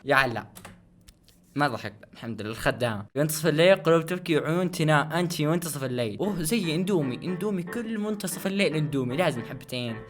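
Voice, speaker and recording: A man doing casual reaction commentary as he tries not to laugh, excitable and often repeating phrases. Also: a little high, very fast, soft background music. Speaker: host of a try-not-to-laugh challenge video.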